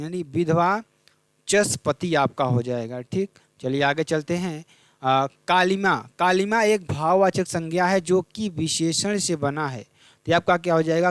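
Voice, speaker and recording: Man, young adult, exam revision teacher, repeats questions, slightly high pitch, dry recording. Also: no echo. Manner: repeats questions and checks in with "ठीक है ना". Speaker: Hindi exam-prep teacher.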